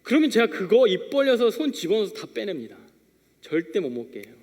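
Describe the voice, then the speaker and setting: A young male youth pastor delivers a sermon in a relaxed, conversational way, acting out little exchanges as he tells everyday stories. His voice sits high for a man. It rings out with the long reverb of a church hall. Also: fast talker. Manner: conversational storytelling preacher, acting out little dialogues. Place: church sanctuary.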